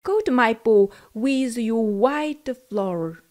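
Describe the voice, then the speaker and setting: A woman's voice: on the high side, animated, extremely slow, darkish tone. A woman voicing a sly, menacing male wolf in a storybook who fakes a mother's voice and talks in a coaxing manner. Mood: threatening. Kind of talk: storybook narration.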